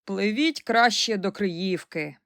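A woman's voice: medium pitch, dry recording, studio quality. A woman reading a weary, stubborn teenage boy. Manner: weary, slow and quiet. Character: exhausted, stubborn teenage boy in cold water.

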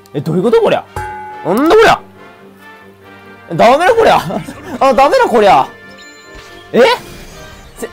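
A man giving excited, shouty commentary on a video game he is playing. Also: sits high. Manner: loud excitable outbursts and yelps. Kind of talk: excited let's-play commentary. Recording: faint background music.

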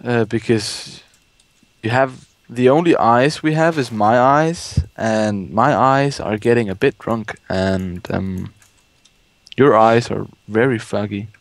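A man's voice: mid-range voice, takes it slowly, dry recording. A young man hosting a gaming video, chatting casually and rambling about movies while playing. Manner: rambling, swears when startled. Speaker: let's play host.

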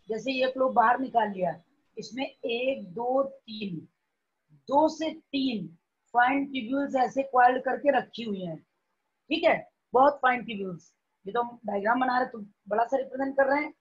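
A woman's voice: fairly high pitch, breathy edge, dull audio. A woman teacher with an Indian accent giving a classroom biology lecture, repeating points and checking that students follow.

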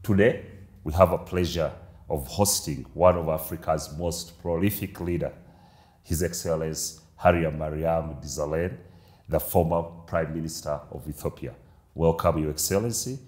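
A middle-aged man hosting a formal interview, speaking in a measured way with frequent hesitations. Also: extremely low pitch, darkish tone, echoey room. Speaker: interview host. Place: room with a large window.

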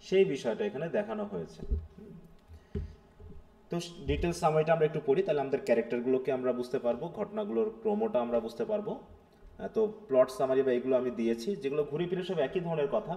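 A man with a mellow, medium-pitched voice teaches a live English literature class, switching between Bengali and English. He explains things step by step and keeps checking in with his students.

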